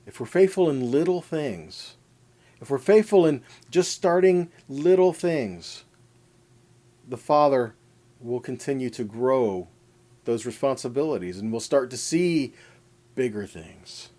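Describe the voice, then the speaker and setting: Unhurried and dark in tone, a man's medium-pitched voice moves with lively intonation. As a preacher, he teaches a scripture lesson through a casual sermon with readings from scripture, talking directly to listeners and emphasizing points by repeating parallel phrases.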